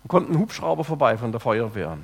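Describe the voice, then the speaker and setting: A man preaching a sermon, swinging between loud emphatic lines and soft, low, hushed phrases. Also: sing-song, fast talker, creaky, breathy edge. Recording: long hall reverb.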